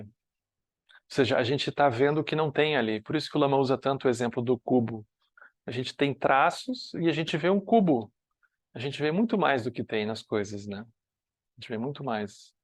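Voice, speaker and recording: Brazilian man giving a relaxed dharma talk. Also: mid-range voice, fairly quick, no room sound. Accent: Brazilian Portuguese, northern (uses "tu"). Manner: conversational, often asks "né?", with dips to soft quiet asides. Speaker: Buddhist study group teacher. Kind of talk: relaxed spoken teaching talk.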